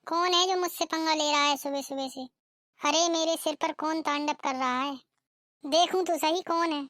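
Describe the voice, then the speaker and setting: A woman's voice: high voice, fairly even intonation, normal speed, fairly bright tone, no echo, studio quality. Woman voicing a rude defiant cartoon bride. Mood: irritated. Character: rude defiant young bride, lazy and arrogant. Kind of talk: cartoon voice acting.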